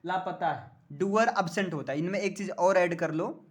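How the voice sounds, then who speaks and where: A man's voice: sits high, moderate pace. A man teaching English grammar in a classroom lecture. He jokes often and keeps checking that the students understand.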